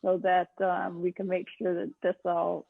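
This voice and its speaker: A woman's voice: fairly low pitch, completely flat delivery, a little slow, vocal fry, dry recording. A woman interviewing a band in casual chat, encouraging and enthusiastic. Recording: tinny phone-line audio.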